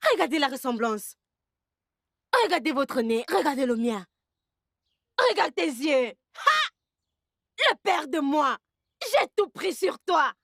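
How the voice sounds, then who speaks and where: A brash loud young daughter. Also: female voice, high-pitched, vocal fry, no echo, studio quality, full character voice. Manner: loud, exclamatory, cheeky. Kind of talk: French dub of a film.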